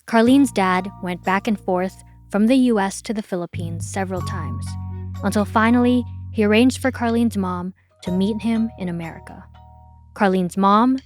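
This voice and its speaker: A woman hosting a podcast, reading a scripted documentary narration in a measured, explanatory way. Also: medium pitch, darkish tone. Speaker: podcast host.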